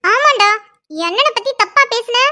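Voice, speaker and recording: A woman's voice: very high voice, animated, moderate pace, bright, forceful tone, full character voice. A woman voicing a feisty young female student who defiantly stands up to a bully, in a cartoon story. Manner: defiant, cheeky.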